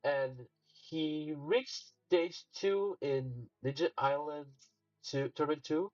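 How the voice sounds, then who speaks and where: A young man commentating a game competition play-by-play, halting with fillers and restarts, then breaking into excited shouts. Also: on the high side, no room sound. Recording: distant dull mic with faint music.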